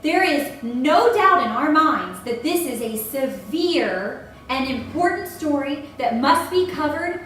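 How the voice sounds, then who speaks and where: Woman as mock-serious female news anchor, high and dramatic, distant mic, parody bulletin. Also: lively intonation, slow, hardly any pauses, a bit bright, soft background music, exaggerated voice. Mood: grave. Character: earnest, alarmist female local TV news anchor. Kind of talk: parody newscast. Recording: very echoey room, distant mic.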